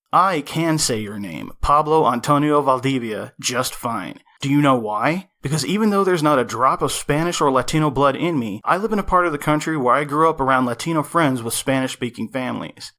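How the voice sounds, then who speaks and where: A man's voice: fairly high pitch, sharp tone. Sarcastic lecturing American man. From United States. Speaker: commentary video host. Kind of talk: scripted reaction commentary.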